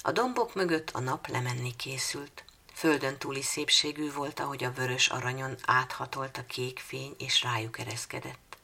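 Woman, storybook narration, calm, measured, bright tone, gravelly. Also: rumbling low.

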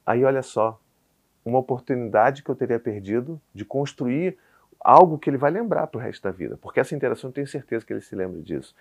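A man's voice: medium pitch, fast, vocal fry, husky. A man in his thirties with a Brazilian Portuguese accent, a podcast guest telling a story in casual chat and acting out the dialogue. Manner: animated storyteller, acts out dialogue. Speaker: podcast guest, father of four.

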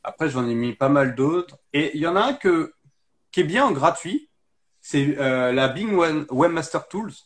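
A man's voice: on the high side, animated, normal speed. A man talking casually as an interview guest, explaining things step by step with many hesitations. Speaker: SEO guest.

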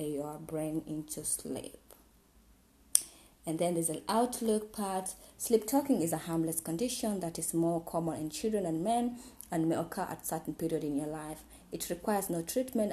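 Mellow, halting woman in an echoey room. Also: lowish voice. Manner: halting, often stumbling over and repeating words. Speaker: presenter. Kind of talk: informal explainer, partly read from a script, partly personal musing. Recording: echoey, roomy sound.

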